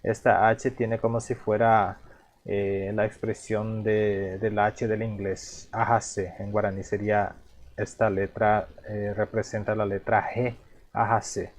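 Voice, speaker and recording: Slow, patient male language teacher. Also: lowish voice, little pitch movement, slight background noise. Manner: repeats terms patiently, asks himself rhetorical questions. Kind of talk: slow explanatory lesson.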